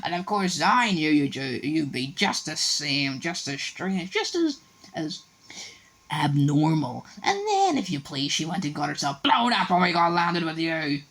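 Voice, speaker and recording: A man putting on a shrill ranting aunt, Aunt Petunia. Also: very animated, measured pace, gravelly, a bit bright, heavily acted. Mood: bitter. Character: shrill bitter middle-aged woman, spiteful aunt.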